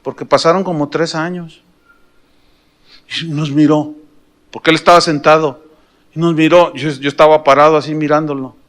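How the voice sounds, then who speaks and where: A man's voice: fairly high pitch, flat delivery, moderate pace, long pauses, fairly bright tone. A middle-aged man with a Mexican accent preaching a sermon, telling a personal story with humor and questions to the congregation. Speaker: pastor.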